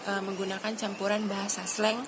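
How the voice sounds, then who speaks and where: A woman student presenting to her class, explaining point by point and pausing often along the way. Her voice sits at a middle pitch. A faint hiss of noise runs under the recording. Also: level tone. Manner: explanatory, with frequent hesitations.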